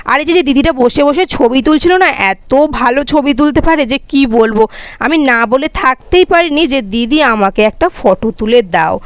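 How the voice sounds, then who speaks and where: Fast-chatting young woman vlogger. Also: high-pitched, no echo. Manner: fast, chatty, says herself she talks quickly. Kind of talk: casual vlog voice-over narration.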